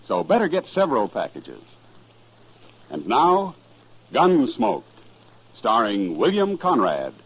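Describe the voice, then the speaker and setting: A man's voice: medium pitch, huge pitch swings, takes it slowly, long pauses, dull audio, noisy background. A man announcing an old radio show and reading a cereal commercial in a sweeping announcer's delivery, heard as an AM radio broadcast. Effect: old AM radio broadcast sound.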